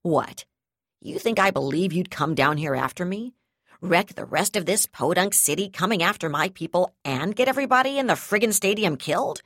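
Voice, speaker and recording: A woman's voice: fairly low pitch, animated, moderate pace, a bit bright, no echo, clean studio sound. A woman reading an audiobook, voicing a brutal, cornered female gendarme brigadier who hurls profane threats. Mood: sneering, furious.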